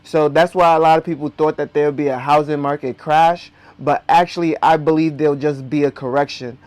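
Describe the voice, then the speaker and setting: A man with a slightly high voice explains things directly to his viewers. He talks with braces on his teeth, which slightly impede his articulation. The sound is dry, with no room echo. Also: fairly even intonation, brisk, a little mellow. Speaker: host of a personal finance video.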